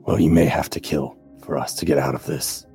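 A sinister spirit murmurs inside a mind, voiced by a man. It is low, terse and impatient, coaxing with menace for a tabletop game. Music runs behind it. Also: steady tone, fairly quick, mellow. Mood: menacing, coaxing.

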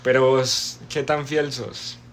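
A man co-hosting a casual podcast, quick with teasing banter. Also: medium pitch, level tone, echoey room. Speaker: podcast co-host. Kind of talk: casual joking chat.

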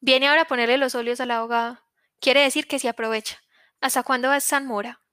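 A gossiping old village sorceress with a sharp tongue, put on by a woman narrator. She speaks bluntly and pushes her opinions on others. The voice sits fairly high, and the storybook reading sounds close and dry. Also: fairly even intonation, fast talker, clean tone, dry recording. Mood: meddling. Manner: blunt, meddling.

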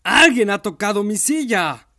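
A man voicing a huge, angry papa bear who shouts in a booming voice. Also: sing-song, a little slow, heavily acted. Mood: outraged.

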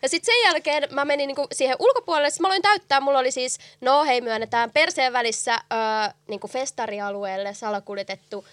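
A young woman hosting a podcast, telling a story in casual chat, animated and laughing, swearing freely. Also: high voice, few pauses, dry recording. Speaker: podcast host.

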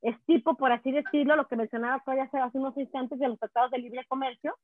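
A Mexican woman, a guest speaking on immigration, talking in a chatty, quick way over a call. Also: high-pitched, fairly even intonation, no room sound. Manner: fast, chatty, restarts words. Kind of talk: casual chat. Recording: tinny dry phone line.

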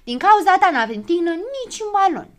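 A woman voicing a cocky, excitable and quarrelsome little boy gnome in a storybook reading, often shouting. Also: mid-range voice, lightly acted. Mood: irritated.

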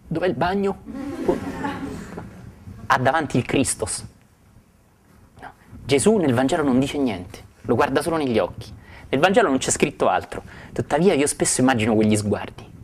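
A male spiritual teacher retells a sacred story. He pauses often to marvel at it and to turn to his listeners with warm asides. His voice sits at a middle pitch, with a faint hiss behind it.

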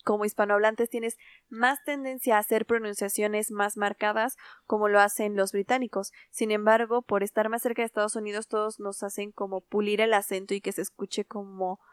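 A woman's voice: mid-range voice, flat delivery, fairly quick, clear, resonant tone, dry recording, studio quality. A young adult woman, co-hosting a casual podcast chat and slipping English phrases into her Spanish. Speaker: podcast co-host.

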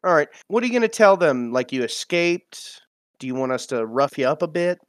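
Excitable, lively-voiced male player. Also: a little high, a little fast, clear, resonant tone, no room sound, studio quality. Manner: blunt, excitable. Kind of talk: tabletop game table talk.

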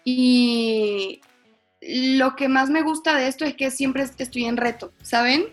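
A young woman from Venezuela with a Venezuelan accent softened toward neutral Mexican Spanish, chatting expressively as a guest on a podcast. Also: high-pitched, slow, faint music behind. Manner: chatty, expressive, uses many fillers. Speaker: actress guest. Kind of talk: casual podcast interview.

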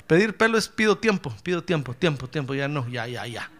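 A man's voice: on the high side, sing-song, a little fast, fairly bright tone. A pastor preaching a humorous sermon, acting out little dialogues and calling his listener brother.

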